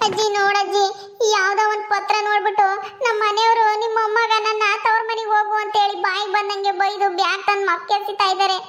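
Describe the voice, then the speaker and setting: A woman's voice: very high-pitched, a bit bright, slight background noise. A woman playing a young wife pleading her innocence in a village family drama, begging in a tearful tone. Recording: echoey room.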